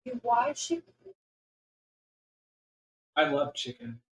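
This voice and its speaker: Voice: wildly swooping pitch, slow pace. Voice run through a voice changer. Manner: short random phrases, pitch jumping around between lines. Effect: voice changer software altering the voice.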